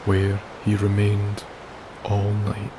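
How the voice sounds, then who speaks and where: Telling a sleep story, a man uses a soft, soothing voice, low and almost flat in pitch. He goes very slowly and gently, with long pauses between phrases, while wilderness ambience and a steady hiss run underneath.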